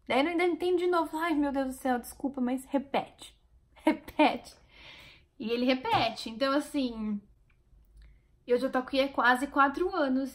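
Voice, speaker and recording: A woman from Brazil with a Brazilian Portuguese accent, chatting in a casual vlog and cheering on her viewers. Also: high-pitched. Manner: chatty and encouraging, speaking straight to viewers. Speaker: vlogger.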